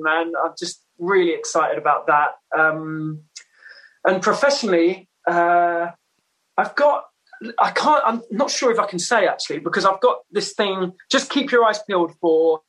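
A man's voice: high voice, moderate pace, bright, forceful tone, poor audio. A man from Essex chatting casually as an interview guest, with laid-back slang and a self-deprecating manner. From Essex, England. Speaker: musician, podcast guest.

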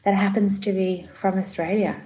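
Heard on a rough recording, this medium-pitched, dark-toned voice belongs to a middle-aged New Zealander who produces and directs television. She talks at a normal speed with fairly even intonation, laughing frequently and restarting often amid many fillers during a relaxed podcast interview.

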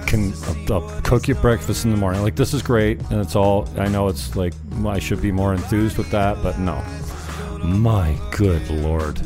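A man's voice: fairly low pitch, moderate pace. A man rambles casually and profanely to his viewers in natural, unscripted talk, as host of his own online show. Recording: music playing behind the voice. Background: music.

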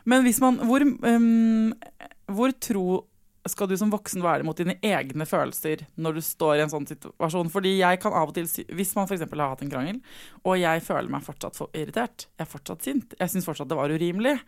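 A woman hosting the conversation, candidly telling stories about parenting her son. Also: fairly low pitch. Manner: candid, animated storyteller, laughs often. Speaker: podcast host and parent. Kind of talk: casual chat, personal anecdotes.

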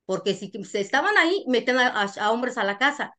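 A Mexican woman with a Mexican accent, a guest telling her life story in an interview, animated and frank, acting out what others said. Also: fairly high pitch, fast talker. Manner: animated storyteller who acts out other people's lines; frank, uses crude slang.

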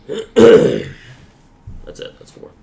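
A man co-hosting a casual football podcast, loud and jokey as he trades picks. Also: extremely slow, noisy background. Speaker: podcast co-host.

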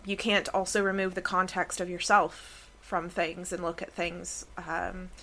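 A woman's voice: lowish voice, level tone, unhurried, bright, forceful tone. A woman co-hosting a podcast in casual chat, reasoning things out with fillers. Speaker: podcast co-host.

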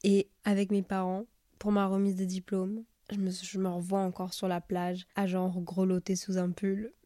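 A woman's voice: medium pitch, monotone, normal speed, warm tone, no room sound, studio quality. A young woman podcasting casually and confidingly, with a nasal voice stuffed up by illness. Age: young adult. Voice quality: nasal, congested voice. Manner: confiding, informal, sprinkles in English slang. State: sick with a stuffy nose. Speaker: podcast host. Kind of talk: casual solo podcast chat.

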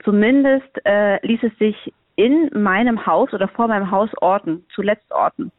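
A woman's voice: medium pitch, normal speed, no echo. A woman podcast co-host chatting casually and laughing easily, heard over a phone line. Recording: tinny dry phone line.

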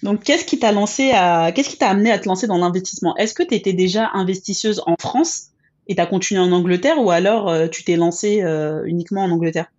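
A woman's voice: on the low side, fairly quick, darkish tone, muffled recording. A woman hosting a podcast, who talks in a fluent, upbeat way and asks her guest questions. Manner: fluent and upbeat, with some fillers. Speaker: podcast host. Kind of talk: podcast intro and interview.

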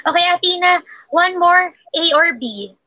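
A woman's voice: very high voice, expressive, measured pace, no echo, highs cut off. A woman hosting a live stream, giving tarot readings in casual, laughing chat that mixes Tagalog and English.

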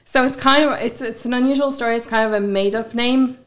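A woman's voice: a little high, steady tone, a little fast. A woman with a west of Ireland accent talking casually and informally as an interview guest, with plenty of "like" and "you know". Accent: west of Ireland (Galway). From Galway, west of Ireland. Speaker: podcast guest, blogger.

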